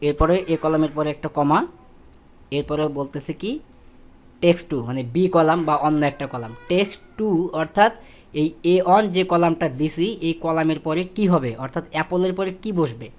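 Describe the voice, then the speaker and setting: A man's voice: a little high, a little fast. Man explaining a spreadsheet lesson step by step. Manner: step-by-step explaining, with fillers and self-corrections. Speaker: instructor. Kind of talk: screen-recorded spreadsheet tutorial.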